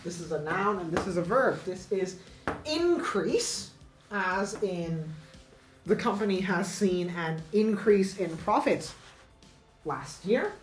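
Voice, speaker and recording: A woman's voice: fairly low pitch, unhurried, roomy sound, music in the background, rough recording. A woman teaching English pronunciation in a casual lesson, thinking aloud with many fillers and self-corrections.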